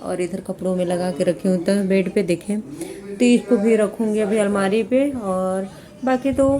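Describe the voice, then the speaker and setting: A woman's voice: mid-range voice, steady tone, unhurried, crowd noise. A woman in her thirties chatting casually in a home vlog, homely and rambling. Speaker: vlogger. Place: home kitchen.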